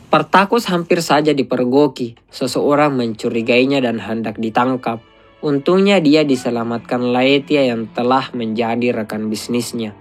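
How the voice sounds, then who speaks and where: A man doing a steady, scripted voice-over that retells a film's plot. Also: medium pitch, moderate pace, faint music behind. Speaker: film recap narrator. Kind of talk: scripted narration.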